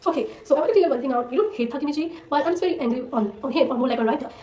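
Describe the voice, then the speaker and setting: A woman's voice: high-pitched, rapid-fire, mellow, highs cut off. A young woman chatting casually in a gushing, filler-heavy way, giving her opinions as a vlogger. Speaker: anime vlogger. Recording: roomy, a little far from the mic.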